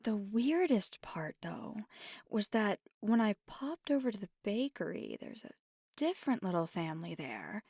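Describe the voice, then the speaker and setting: Playing an affectionate, playful witch girlfriend for an ASMR roleplay, a woman confides in the listener in an unhurried, soft, breathy voice with gravelly fry that often sinks toward a whisper. Her mid-range voice swings widely in pitch and sounds puzzled and confiding. It's a full character voice with no room sound, intimate and dry.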